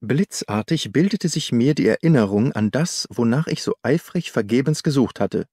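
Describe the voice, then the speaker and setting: Narrating a first-person detective story for an audiobook, a man speaks in a measured, articulate way with a mid-pitched, slightly mellow, husky voice and lively intonation. The recording is close and dry, with no echo.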